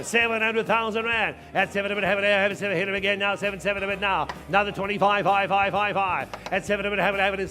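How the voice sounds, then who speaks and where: A man's voice: high-pitched, sharp tone. A man working as an auctioneer, calling bids live in a repetitive chant of numbers and filler phrases.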